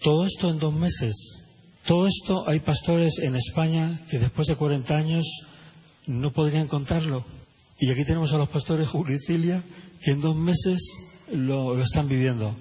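Husky Spanish-man preacher. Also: on the high side, normal speed, mellow, rough recording. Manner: emphatic, instructing the congregation. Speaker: senior pastor. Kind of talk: sermon. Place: church service.

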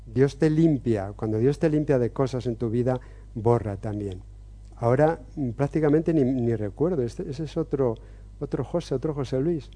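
Man in his 50s answering faith questions, earnest, reflective, very mellow dark voice, lots of little hesitations. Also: mid-range voice, moderate pace. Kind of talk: personal testimony and teaching.

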